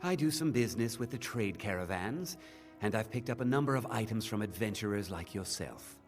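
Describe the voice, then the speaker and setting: An actor voicing a shrewd, self-assured male elf trader in a video game, with measured sales patter. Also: fairly low pitch, lively intonation, soft background music, natural voice. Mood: smooth, guarded. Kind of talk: video game character acting.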